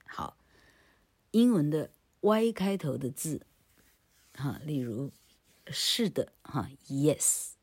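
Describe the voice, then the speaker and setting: A woman leads a recorded pronunciation lesson. Her tone is husky and a little breathy. She jokes freely and drags out sounds slowly to demonstrate them. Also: low voice, sing-song, darkish tone. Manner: jokey and playful, ends phrases with a chatty "ha" tag, laughs at her own stories. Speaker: English pronunciation teacher. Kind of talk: recorded classroom lecture.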